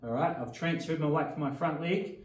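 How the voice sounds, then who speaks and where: A man coaching boxing, giving short instructional cues as he demonstrates punches with sharp exhales. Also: on the high side, normal speed. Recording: roomy echo, distant mic, faint noise.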